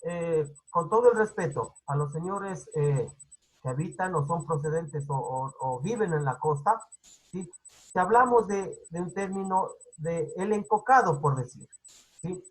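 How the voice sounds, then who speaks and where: A teacher with a Quito highland accent, giving an online class lecture and explaining patiently while constantly checking in with the students. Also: animated, measured pace, breathy edge, rough recording. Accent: Quito highland Spanish. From Ecuador.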